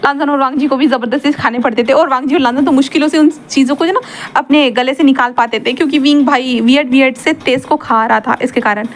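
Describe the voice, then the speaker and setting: Quick rambling young woman storyteller. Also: high-pitched. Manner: rambling, with many fillers. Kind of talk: casual fan-fiction narration.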